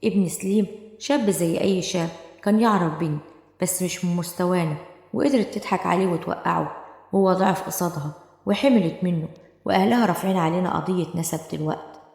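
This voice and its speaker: A woman's voice: fairly low pitch, quick pace, vocal fry, darkish tone. A woman voicing an anxious, wealthy male businessman in an Egyptian Arabic accent, tense and insistent, in an echoey room with long reverb.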